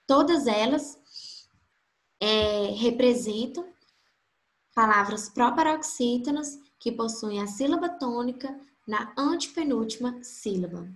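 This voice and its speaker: A woman gives a grammar lesson at an unhurried pace. Her voice is pitched a little high and has a gravelly edge. She draws out every example word syllable by syllable, and the room around her is echoey. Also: expressive. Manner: slow, stretches out example words syllable by syllable. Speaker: Portuguese teacher.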